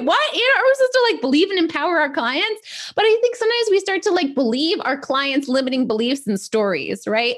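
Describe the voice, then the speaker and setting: Bubbly, high-voiced woman coach. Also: fairly bright tone. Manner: chatty, upbeat, peppered with "like" and "right?", laughs often. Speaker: business sales coach, show host. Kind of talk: live teaching talk to viewers.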